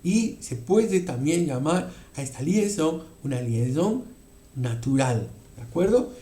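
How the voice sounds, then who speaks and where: A man's voice: a little high, expressive, a little slow, mellow, reverberant. A man teaching a French pronunciation lesson, repeating words aloud several times and often checking in with his students. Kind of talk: explanatory language lesson.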